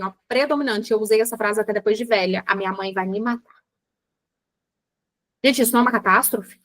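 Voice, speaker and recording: A Brazilian psychologist woman gives a casual online lecture in a bright, somewhat high voice. She chats with her listeners directly and acts out little everyday examples as she teaches. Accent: Brazilian Portuguese. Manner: chatty, addresses audience as "gente", acts out examples. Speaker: psychologist teaching a book club class.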